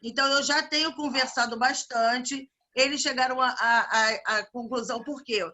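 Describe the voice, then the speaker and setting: In an online spiritual gathering held over video call, a woman who organizes the event and evangelizes chats casually at normal speed. Her high-pitched voice keeps fairly even intonation, and her warm religious farewells are full of restarts.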